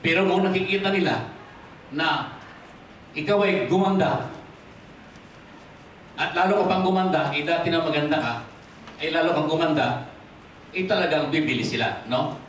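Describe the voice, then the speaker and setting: A man with a Filipino accent preaching a sermon as pastor, switching freely into English, rising to stress points and dropping low and quiet to close them. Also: normal speed, long pauses, a little hiss or hum. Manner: mixes in English, asks the congregation for amens. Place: church hall. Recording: echoey hall from far off.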